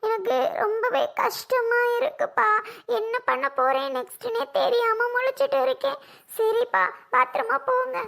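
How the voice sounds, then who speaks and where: A woman voicing a tearful young daughter with a gravelly edge, talking in a weepy, pleading way. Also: extremely high pitch, normal speed, a bit bright, full character voice. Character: tearful young adult daughter, soft-hearted student. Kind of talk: comedic family skit acting.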